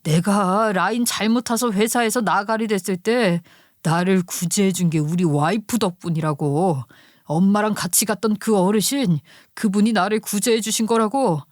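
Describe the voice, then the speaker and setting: A woman's voice: medium pitch, normal speed, dry recording, clean studio sound, lightly acted. A woman voicing a flustered husband who sounds exasperated and pleading. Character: flustered husband caught between wife and mother.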